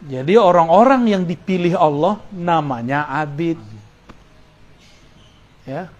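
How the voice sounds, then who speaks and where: A man with a fairly high speaking voice teaches a Sufi study circle. He explains Arabic terms one by one, recites short prayers and breaks off for jokes with his listeners. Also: takes it slowly, highs cut off. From Indonesia. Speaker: Islamic preacher.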